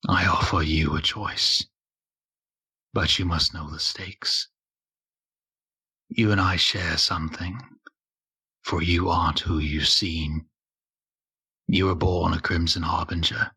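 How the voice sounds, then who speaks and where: Man plays an ancient female spirit of deceit, deep and raspy, slow and tempting. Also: fairly even intonation, sharp tone, exaggerated voice. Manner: slow, solemn, tempting speech. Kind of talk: tabletop game role-play.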